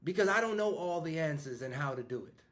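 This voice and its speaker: A man's voice: on the high side, expressive, quick pace, fairly bright tone. A fifty-year-old man, a business coach talking casually to his audience in a rambling way, full of restarts and fillers. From New York. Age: 50s. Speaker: business coach and school founder.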